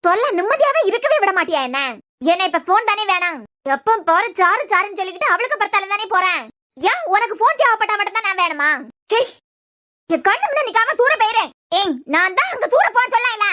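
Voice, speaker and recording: A woman voicing a shrill scheming young woman. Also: lively intonation, fairly quick, fairly bright tone. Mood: jealous. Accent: Kanyakumari Tamil. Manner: sulky, spiteful muttering. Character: jealous scheming young woman, future stepmother. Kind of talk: cartoon web series voice acting.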